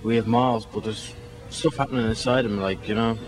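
A man's voice: on the low side, fairly even intonation, normal speed, a little hiss or hum. A young man in his twenties from Ireland with an Irish accent, talking bluntly and dismissively into a handheld mic in a mall. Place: indoor shopping mall. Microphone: handheld mic held by interviewer.

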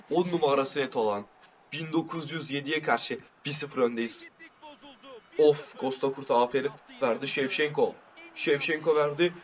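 A young man commentates his football video game as he plays, animated and quick to shout when a chance comes. His voice sits a little high. The recording has a muffled, lo-fi sound. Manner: animated, shouts at plays, slangy banter with viewers. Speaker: gaming video creator. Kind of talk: excited live gameplay commentary.

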